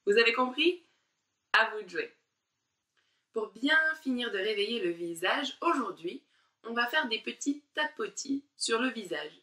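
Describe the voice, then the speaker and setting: A woman teaching a diction warm-up lesson, articulating syllables slowly and with exaggerated care while guiding exercises. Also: fairly high pitch, expressive, reverberant, far from the mic. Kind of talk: online speech warm-up lesson.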